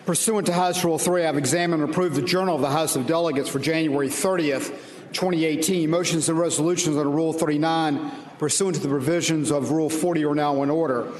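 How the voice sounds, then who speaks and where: Male speaker of a legislature, official procedural delivery, a touch high, with reverberant chamber sound. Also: steady tone, fast. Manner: official, procedural calling of business. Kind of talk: formal parliamentary procedure. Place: large indoor legislative chamber. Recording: echoey chamber, long reverb, background noise.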